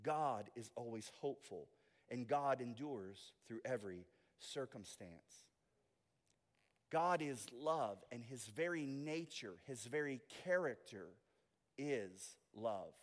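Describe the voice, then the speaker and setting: A man preaching a sermon as pastor, moving between soft, intimate asides and loud, emphatic declarations. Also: mid-range voice, expressive, slow pace, big-room sound.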